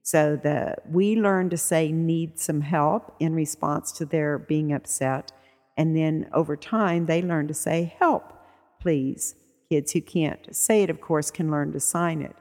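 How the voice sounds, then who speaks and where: Low-voiced woman music therapist, reverberant. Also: measured pace. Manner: demonstrates chants by singing them in a high voice; relaxed, conversational, with many fillers. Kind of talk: podcast talk on teaching songs.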